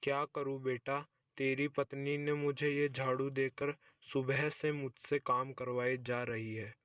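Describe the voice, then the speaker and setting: A man's voice: mid-range voice, flat delivery, unhurried, fairly bright tone, clear, resonant tone, no room sound, clean studio sound, lightly acted. A man voicing a nagging, scheming old mother-in-law in a cartoon story, complaining and playing the victim. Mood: whining.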